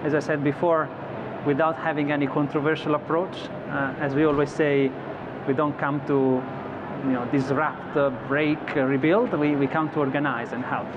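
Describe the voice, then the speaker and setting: A man's voice: fairly high pitch, level tone, moderate pace. Man on a busy convention floor. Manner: thoughtful, many restarts and fillers. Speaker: company executive guest. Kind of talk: trade show interview. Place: broadcast studio set on a convention floor. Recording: slightly dull audio with clear background noise.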